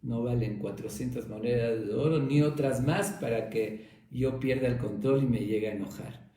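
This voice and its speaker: A man voicing a wise, gentle old male sage who answers with endless patience and a soft, kindly manner, in a very echoey room. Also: mid-range voice, moderate pace, natural voice. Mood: patient, kindly.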